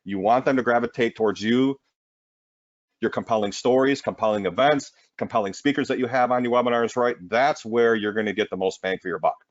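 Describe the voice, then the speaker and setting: A man presenting a marketing webinar in an energetic sales pitch, often tossing in "right?". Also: fairly quick, no echo, lo-fi sound.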